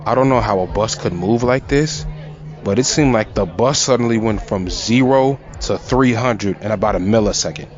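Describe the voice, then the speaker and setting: A man's voice: lowish voice, moderate pace, darkish tone. A man narrating a first-person horror story in a tense, dramatic way. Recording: lo-fi with music and crowd sound.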